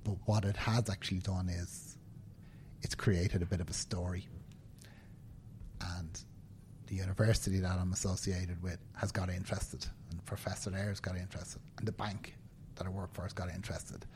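A deep male voice, slightly mellow, moves at a moderate pace with little pitch variation, and a bit of hiss or hum can be heard. The speaker, an Irish banking professional in his fifties with a Dublin accent, is an interview guest seated indoors, talking earnestly and emphatically and checking in with "right?".

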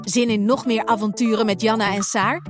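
A woman reads a scripted podcast outro in a crisp, promotional style. Her voice sits slightly high, and clear music plays underneath her. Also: fairly even intonation, brisk. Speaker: announcer.

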